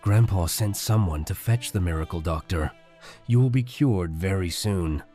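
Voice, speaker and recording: Man doing a stern old male tycoon, low voice, mellow tone, commanding, storybook narration. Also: moderate pace, soft background music, natural voice. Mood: tender. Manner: curt, commanding.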